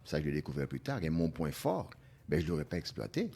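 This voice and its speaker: A man's voice: very deep voice, big pitch swings, fast, creaky, dark tone, husky. An older man born in Haiti, telling his life story as a guest in a radio interview, reflective and hesitant at times.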